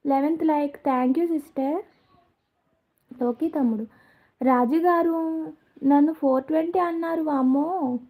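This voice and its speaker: A woman's voice: high-pitched, unhurried, long pauses, phone-quality sound. A woman hosting a casual live stream, chatting with viewers and answering their comments by name.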